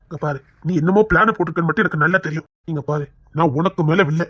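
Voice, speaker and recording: Woman doing a reformed tough guy husband, fast coaxing talk, dull dry recording. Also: low voice, breathy edge, dry recording. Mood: earnest pleading. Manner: coaxing, pleading. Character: devoted husband, reformed brawler, young man. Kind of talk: audio drama acting.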